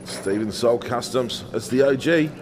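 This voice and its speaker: A man's voice: medium pitch, a little slow, a crowd in the background. A man with a broad New Zealand accent doing casual live motorsport commentary with laid-back, slangy banter. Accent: broad New Zealand (Kiwi). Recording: clear outdoor vehicle noise. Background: cars and outdoor ambience.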